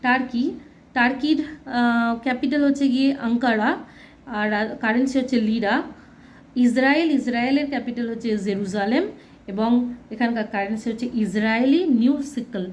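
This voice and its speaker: A woman with a somewhat high voice teaches a children's lesson in a plain, explaining way. She spells out words and repeats points so the children do not mix them up. Faint hiss runs behind her voice. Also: normal speed. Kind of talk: reading through a textbook lesson for children.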